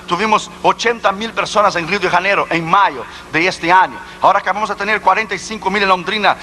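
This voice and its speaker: A man's voice: sits high, pushed and bright, a little hiss or hum, poor audio. Male evangelist, middle-aged, emphatic sermon delivery with a tense, ringing voice. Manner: emphatic, rhetorical questions. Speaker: evangelist preacher.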